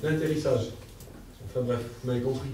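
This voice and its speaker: A man's voice: mid-range voice, fairly even intonation, a little fast, warm tone, a little hiss or hum. A man preaching a heartfelt testimony sermon at a church service, with a stammer and simple, fervent speech. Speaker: lay preacher. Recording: distant echoey church hall sound.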